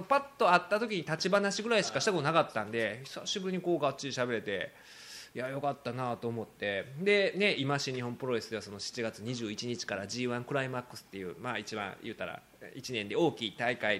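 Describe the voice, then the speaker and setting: A man with a Kansai accent, hosting a podcast in casual talk, animated and quick to laugh while he quotes others. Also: mid-range voice, a little hiss or hum. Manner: animated storytelling, laughing often, quoting others. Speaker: podcast host.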